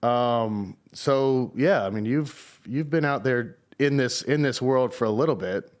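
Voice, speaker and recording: A man from Southern Indiana hosting an interview in a relaxed, halting way, with many fillers. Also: mid-range voice. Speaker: host. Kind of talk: casual interview chat.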